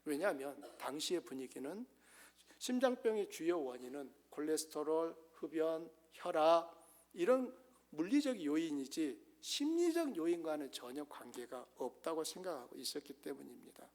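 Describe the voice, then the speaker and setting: A man preaching a Sunday sermon as pastor, earnest, swinging between emphatic rises and soft low asides. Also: very animated, normal speed.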